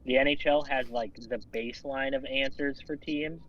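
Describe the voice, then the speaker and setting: A man's voice: mid-range voice, steady tone, moderate pace, a bit bright. Easygoing man rambling on a lo-fi podcast. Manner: easygoing, rambling, swears casually. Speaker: podcast co-host. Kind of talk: casual chat.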